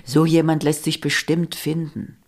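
A woman voicing a troubled married man who speaks in hushed, halting lines. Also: sits low, flat delivery.

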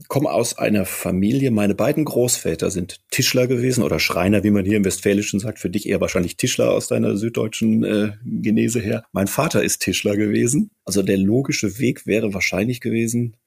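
Gravelly low-voiced man in his fifties. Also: darkish tone. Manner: measured, reflective, frequent restarts. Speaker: guest, company managing director. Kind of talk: thoughtful podcast conversation.

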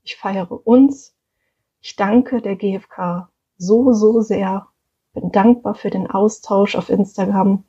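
A woman's voice: mid-range voice, fairly even intonation, slow pace, mellow, breathy edge, lo-fi sound. A mother sending a voice message, telling an anecdote about her young daughter and thanking the host. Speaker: mother of a three-year-old. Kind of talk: casual spoken anecdote.

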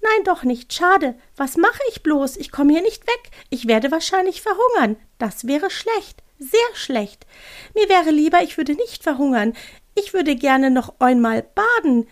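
A woman's voice: very animated, a little slow. A woman voicing a small, anxious owl from a children's book that dithers and talks worriedly to itself. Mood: fretful. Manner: high, hesitant, worried self-talk. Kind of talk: reading aloud from a children's book.

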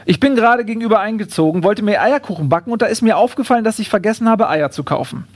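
A man's voice: high-pitched, expressive, quick pace, voice pushed up. A man reading aloud and voicing a polite but pushy freeloading male kangaroo neighbor. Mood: politely demanding. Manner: mock-polite, matter-of-fact requests.

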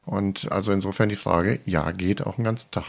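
Low gravelly-voiced male co-host. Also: steady tone, fairly quick. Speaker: podcast co-host, leadership coach. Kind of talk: casual podcast conversation.

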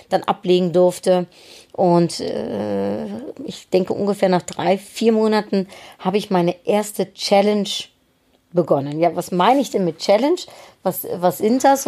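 Female podcast host, slightly low and mellow. Reflective solo talk, halting, thinking as she goes.

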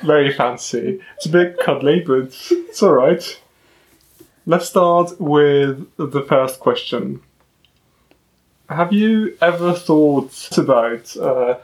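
A man hosting a casual round-table podcast chat, talking in a relaxed, thoughtful way. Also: medium pitch. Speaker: podcast host.

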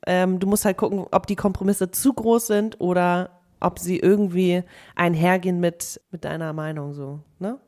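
A woman's voice: lowish voice, fairly even intonation, moderate pace, darkish tone. A young woman co-hosting a podcast, chatting casually and reading out listener letters, with frequent fillers. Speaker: podcast co-host.

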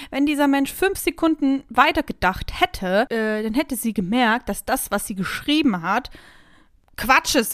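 Woman, chatty storyteller, slightly high voice, dry close sound. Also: dry recording. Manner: chatty storyteller, lively, many fillers. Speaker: podcast co-host telling a story. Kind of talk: casual chat.

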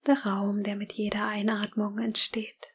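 A woman whispering a slow, calm guided meditation. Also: mid-range voice, husky.

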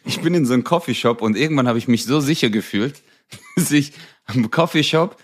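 Animated young man telling stories. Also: mid-range voice, normal speed, husky. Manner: animated, acts out voices in anecdotes, laughs often. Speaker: podcast co-host. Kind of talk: casual comedic chat, storytelling.

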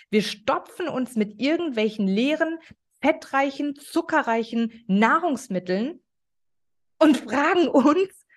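A woman hosting a solo podcast, talking emphatically and bluntly, with many rhetorical questions and some swearing. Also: a little high. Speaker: podcast host. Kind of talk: impassioned solo podcast monologue.

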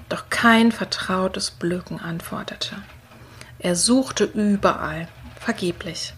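A woman reading a children's Christmas story aloud in a soft, partly whispered storytelling voice. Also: medium pitch, husky.

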